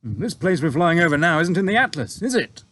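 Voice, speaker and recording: A man's voice: fairly high pitch, big pitch swings, fairly quick, fairly bright tone, voice pushed up. Man playing a chipper young pilot, light and slightly raised. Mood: breezy. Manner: breezy, grinning, unbothered. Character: cheerful, fearless young male pilot.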